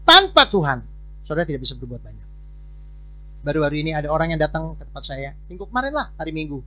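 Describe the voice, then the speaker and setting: A male pastor delivering a conversational sermon, his tone bright and clear. He talks plainly to the congregation, repeats words and moves between loud stretches and hushed ones. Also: a little high, big pitch swings, quick pace. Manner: informal preaching, repeats words, swings between loud and soft.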